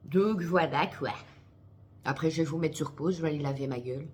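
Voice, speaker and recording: A woman's voice: sits low, brisk, darkish tone. A woman vlogging in casual chat to camera, chatty and swearing freely, talking through a headset.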